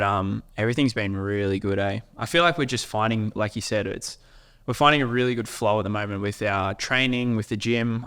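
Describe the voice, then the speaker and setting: A man's voice: lowish voice, a bit bright, clear, resonant tone. An Australian man co-hosting a podcast, chatting casually in an upbeat way and laughing easily. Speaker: podcast co-host. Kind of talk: casual chat.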